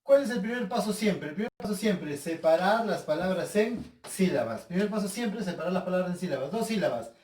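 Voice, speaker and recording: High-voiced male teacher in an echoey room. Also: expressive, brisk, hardly any pauses, darkish tone. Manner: step-by-step explaining, repeats key points, asks rhetorical questions. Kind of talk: recorded home lesson at a whiteboard. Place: room with a whiteboard. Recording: echoey room, distant mic.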